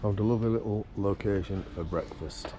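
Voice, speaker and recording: Here a travel vlogger with a rough, low-leaning, gravelly voice briskly narrates his day trip through a riverside town and from a vehicle. He's chatty and wry, cracking small jokes as he goes, with outdoor street and traffic noise in the recording.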